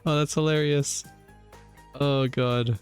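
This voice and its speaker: A man's voice: fairly high pitch, fairly even intonation, takes it slowly, soft background music. A man giving casual gaming commentary and reading story text aloud as he plays. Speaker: let's play streamer.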